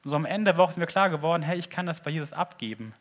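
A male pastor with a slightly high voice delivers a sermon. He preaches earnestly, rising to loud, ringing appeals and then dropping to quiet, hushed asides. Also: lively intonation, very fast.

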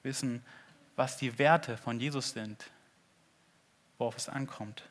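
A man preaching a sermon in an earnest way, swinging between loud appeals and hushed asides. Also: medium pitch, fairly even intonation, slow. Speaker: pastor.

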